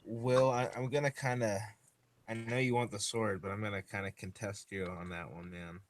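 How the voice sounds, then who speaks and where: A man playing a tabletop game, excitable and swearing freely in casual chat. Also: fairly low pitch, normal speed, a little hiss or hum. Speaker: player.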